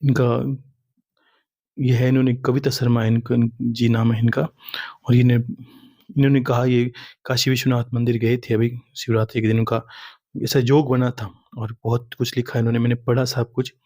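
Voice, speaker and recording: A man, a spiritual teacher, giving a calm spiritual discourse that tells stories and answers followers' questions. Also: mid-range voice, moderate pace, dry recording, studio quality.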